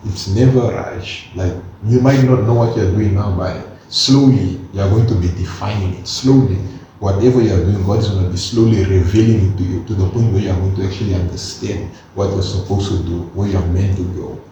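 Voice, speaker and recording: With a low voice and a brisk pace, this twenty-one-year-old co-host explains his point earnestly in casual talk, animated and slangy. The dull recording was made from afar in an echoey room and carries a little hiss or hum.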